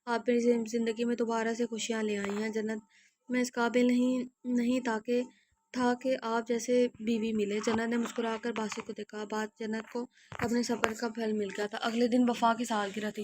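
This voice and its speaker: A hoarse woman reading a romance novel aloud and voicing all its characters, often clearing her throat and restarting words. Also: slight background noise. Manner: narrow pitch range, stumbles and restarts words. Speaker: audio novel narrator.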